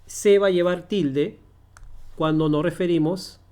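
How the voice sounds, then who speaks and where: A man teaching a grammar lesson one on one over a call, speaking slowly and patiently, repeating his examples and checking that his listener understands. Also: fairly high pitch, steady tone, dark tone, clear, resonant tone.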